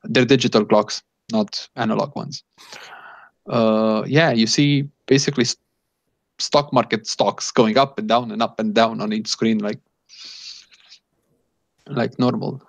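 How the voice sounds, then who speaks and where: A man improvising narration as game master of a tabletop game, haltingly, searching for words. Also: mid-range voice, fairly even intonation, vocal fry. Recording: echoey room, dull lo-fi sound.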